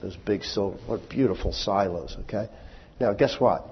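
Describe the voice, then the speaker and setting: A pastor with a lowish, husky voice preaches a sermon at normal speed in a conversational way. He asks the congregation rhetorical questions and raises his voice when quoting scripture. The audio is dull and lo-fi with long hall reverb.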